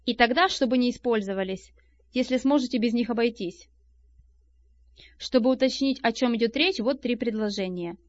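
Female audiobook narrator, expressive delivery; muffled, dry, lo-fi recording. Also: on the high side, normal speed, no room sound. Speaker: audiobook reader. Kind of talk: audiobook narration of a nonfiction book. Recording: dull, lo-fi and dry.

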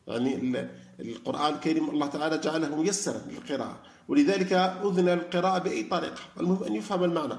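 A man giving a religious lecture, animated and arguing through rhetorical questions. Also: on the high side, racing, gravelly, echoey room. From Algeria. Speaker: lecturer on Quran study.

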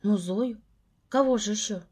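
A woman's voice: mid-range voice, unhurried, slightly rough. A woman reading an audiobook voices a tender older mother who speaks tearfully and fusses over her son. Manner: tearful, warm, fussing.

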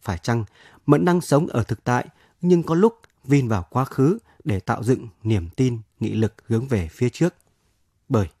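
A man, a radio program editor, giving a measured literary commentary on a short story. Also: mid-range voice, darkish tone, breathy edge, dry recording, clean studio sound. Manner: measured, explanatory reading.

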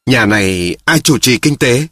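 A man voicing a coarse, blunt old village uncle with a husky voice, talking roughly and swearing freely. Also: medium pitch, lively intonation, measured pace, sharp tone, dry recording. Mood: gruff.

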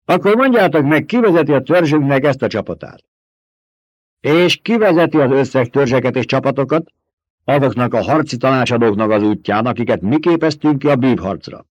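A man's voice: medium pitch, lively intonation, no echo, pitched above the performer's own voice, lightly acted. A man voicing a young commanding rebel leader. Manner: forceful, rhetorical, challenging questions. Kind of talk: audiobook character voice.

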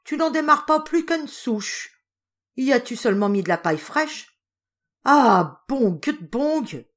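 A woman voicing an angry peasant farmwife who scolds her husband and servant in shrill, rough country speech. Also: lively intonation, measured pace. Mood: furious. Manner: shrill, scolding, rustic dialect.

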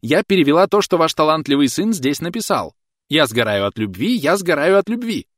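A man voicing a prim, indignant female schoolteacher in an audiobook, talking in a shrill, huffy and outraged manner. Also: sing-song, fast, no room sound, studio quality.

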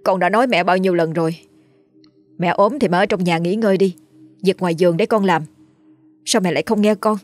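A woman's voice: fairly low pitch, a little fast, long pauses, soft background music, lightly acted. A woman voicing a devoted, frightened young peasant son who cries and pleads with his mother. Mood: tearful.

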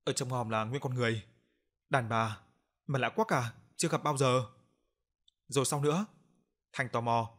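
A male storyteller reads out a ghost story at an even, unhurried pace. His voice sits at an ordinary middle pitch, and the delivery is plain and steady.

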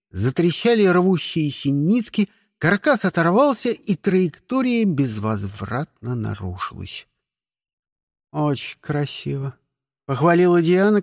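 A man narrating a fantasy story in the first person, wry and expressive. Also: on the high side, no echo, studio quality. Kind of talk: audiobook narration.

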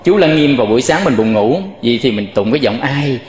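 A man's voice: mid-range voice, animated, fast talker. A man who is a Buddhist monk, giving a patient dharma talk and addressing his listeners directly. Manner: explains patiently, often addressing listeners directly, demonstrates chant tones. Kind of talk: dharma talk with chanting demonstrations. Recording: echoey hall with long reverb.

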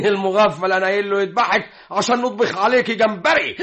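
A man's voice: high-pitched, steady tone, fast, a bit bright. An Egyptian man playing a scheming husband who feigns madness, in old radio comedy style with a theatrical manner. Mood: feigned madness. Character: scheming husband feigning knife-waving madness to scare maid.

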